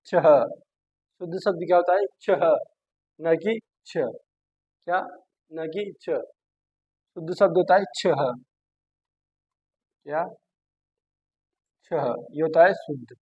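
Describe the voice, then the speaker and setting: A man's voice: on the high side, a little mellow, husky, no echo. A male teacher giving a grammar lesson, who keeps asking "what?" and then answers himself by repeating the word. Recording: dull dry lo-fi sound.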